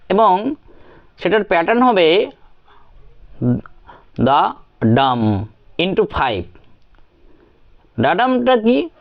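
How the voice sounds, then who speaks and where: A woman teacher explaining poetry to students, speaking slowly, repeating her points and mixing in English terms, on a slightly dull recording. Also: medium pitch. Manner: slow, repeats points, counts syllables aloud; mixes English terms into Bengali speech.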